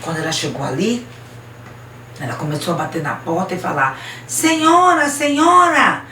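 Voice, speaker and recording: Woman storyteller for children, expressive, roomy distant recording. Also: low voice, a little fast, noisy background. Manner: expressive, asides to listeners. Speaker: missionary storyteller. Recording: roomy, distant mic, faint ambience.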